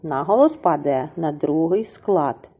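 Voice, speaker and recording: A woman teacher with a Ukrainian accent gives a patient lesson for children. She speaks slowly and sounds words out syllable by syllable, her pitch moving up and down a lot. Her voice is fairly low and a little husky, on a dull, lo-fi recording. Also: lively intonation. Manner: slow, deliberate syllable-by-syllable explaining.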